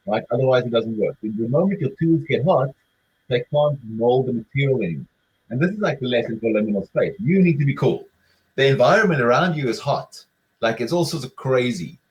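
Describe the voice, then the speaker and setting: A man's voice: medium pitch, muffled recording. Male webinar presenter, mid-range voice, loose conversational delivery full of fillers and rhetorical questions. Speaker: webinar speaker.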